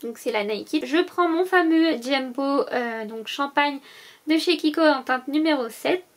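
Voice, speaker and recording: Woman, high voice, casual vlog chat, lists things one at a time, hesitant fillers. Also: measured pace. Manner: chatty, lists items one by one with many "euh" fillers. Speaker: vlogger. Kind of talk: casual packing-list vlog.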